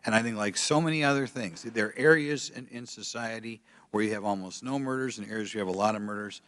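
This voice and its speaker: A man's voice: lowish voice, fast, a bit bright. An older man, a politician giving rambling, plainspoken, aggrieved remarks off the cuff at a legislative hearing. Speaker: politician, congressman.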